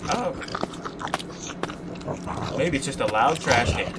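A man's voice: medium pitch, animated, slow, heavy background noise. A man giving casual, reactive horror game commentary as a streamer, spooked and exasperated, grumbling and swearing. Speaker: game streamer doing a playthrough.

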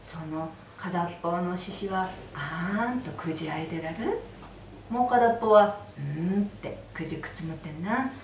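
Gruff male goblin spirit, voiced by a woman storyteller, Aizu Fukushima dialect, low-set, roomy hall, distant mic. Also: moderate pace, darkish tone, slight background noise, natural voice. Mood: gruff, reassuring.

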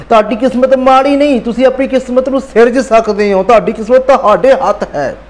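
A man with a notably high-pitched voice gives a motivational talk. He is earnest and exhorting, and he hammers points home by repeating them. He speaks straight to his listeners as friends. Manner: addresses listeners directly as friends.

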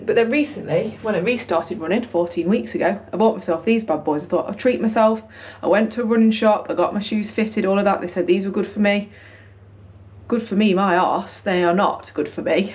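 A young British woman vlogging about running talks fast with hardly any pauses, her mid-range voice carrying a darkish tone. She's casual, colloquial and self-deprecating. She films indoors in a house hallway, the camera held at arm's length or propped nearby.

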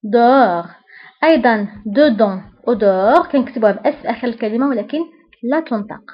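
A woman teaching French vocabulary as a lesson, repeating each word slowly and carefully. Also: fairly high pitch, lively intonation, husky. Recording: muffled lo-fi audio.

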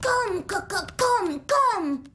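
A woman voicing a tiny, excitable cartoon beetle who chirps single words over and over. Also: extremely high pitch, extremely slow, a little hiss or hum, exaggerated voice. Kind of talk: children's cartoon dialogue.

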